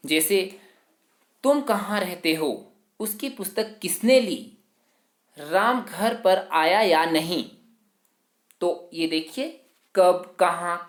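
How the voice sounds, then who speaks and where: A man teaching a grammar lesson to students. He explains slowly, works through example after example, and keeps leaning on the same filler phrase. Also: sits high, echoey room. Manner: slow, explanatory, leans on the filler "jo hai".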